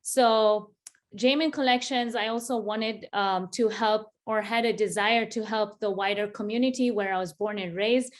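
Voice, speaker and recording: A woman's voice: medium pitch, moderate pace. Kenyan-born woman in her thirties, casual interview guest, easygoing, laughs a lot. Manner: relaxed, laughs often, many fillers. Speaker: interview guest, business founder.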